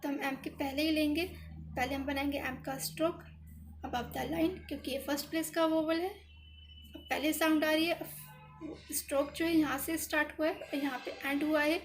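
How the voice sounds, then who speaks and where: Soft music plays behind a woman teaching shorthand, who patiently repeats each step and thinks aloud as she writes, speaking English words in an Indian accent. She talks at normal speed in a high voice with fairly even intonation.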